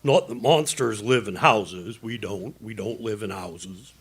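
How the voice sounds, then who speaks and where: Casting: a man as an offhand, fire-breathing old monster in a radio play, mid-pitched and relaxed. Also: normal speed, a little hiss or hum, lightly acted. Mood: easygoing. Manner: easygoing, offhand. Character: laid-back scaly old male fire-breathing monster. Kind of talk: audio drama.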